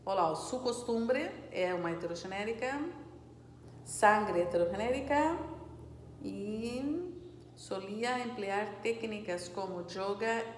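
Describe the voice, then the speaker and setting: A woman teaching a Spanish class, patiently going over exercises, reading words slowly and checking that students follow. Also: medium pitch, roomy sound, big-room sound, slight background noise. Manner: explains patiently, checks understanding with "certo?" and "né, gente?"; reads Spanish words slowly and clearly, switching into Portuguese explanations.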